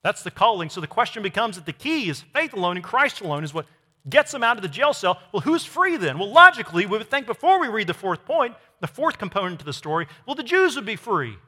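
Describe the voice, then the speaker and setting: Male pastor, high bright voice, emphatic sermon delivery, long hall reverb. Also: big pitch swings, fast. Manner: emphatic preaching, swings from loud to hushed.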